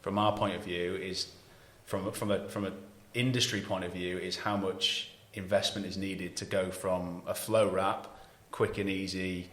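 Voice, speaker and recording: This voice belongs to a man with a low, deep voice who talks through packaging questions in an earnest, explanatory way. The chat feels relaxed and conversational, and a noticeable room echo hangs around every word. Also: unhurried, few pauses. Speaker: packaging expert. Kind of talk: casual podcast chat.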